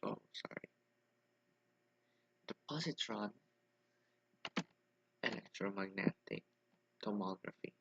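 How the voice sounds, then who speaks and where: Halting young man with a gravelly voice. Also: on the low side, fairly bright tone, no room sound, whispered, dull audio. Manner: halting, full of restarts and fillers. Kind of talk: informal explanatory lesson.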